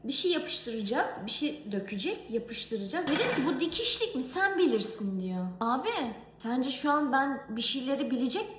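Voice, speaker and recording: A young woman from Turkey telling a story in a casual cooking vlog, animated and exasperated. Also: high voice, normal speed, hardly any pauses, roomy sound, noisy background. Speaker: vlogger. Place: home kitchen.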